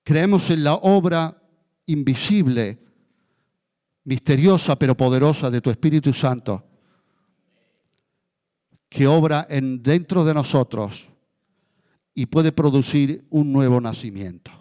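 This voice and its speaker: A male pastor leading a church prayer, his voice of ordinary pitch. He swings between fervent, mounting declarations and quiet, slow passages. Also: long reverb tail. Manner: fervent, rising in intensity then dropping to a hushed, slow prayer. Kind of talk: sermon prayer.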